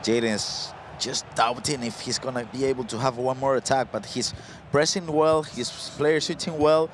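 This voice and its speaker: A man commentating live on an esports football match, talking fast and getting excited as the play builds. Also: mid-range voice, noisy background. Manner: excitable, rises to shouts at big moments.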